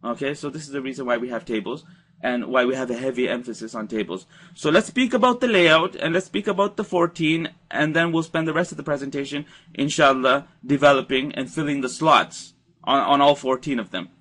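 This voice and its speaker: A man's voice: mid-range voice, brisk, fairly bright tone. Patient man teaching a grammar lesson. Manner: patient, explanatory, repeats points for emphasis. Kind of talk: recorded slide-presentation lecture.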